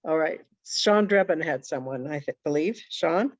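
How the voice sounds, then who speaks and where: A woman's voice: sits low, animated, normal speed, dry recording. A woman hosting a team video call, welcoming newcomers in an affirming way. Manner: warm, encouraging and affirming. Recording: dull video call audio.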